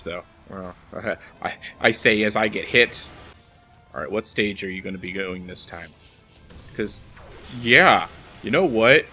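A let's play host with a fairly low, pushed, bright voice talks to the boss while playing, his commentary casual, wry and self-deprecating. Video game music plays in the background.

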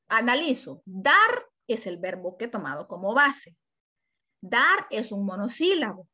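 A woman teaching an online class, animated, asking herself questions and stretching out example words. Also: on the high side. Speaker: high school language teacher.

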